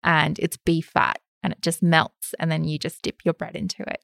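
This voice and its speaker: A sweet-voiced woman co-hosts a casual investing podcast. Her pitch sits a little low, and the sound is close and dry. She talks in a chatty, plain way. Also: level tone, moderate pace, gravelly, fairly bright tone, no room sound. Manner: chatty, laughs easily, plain explainer. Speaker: podcast co-host.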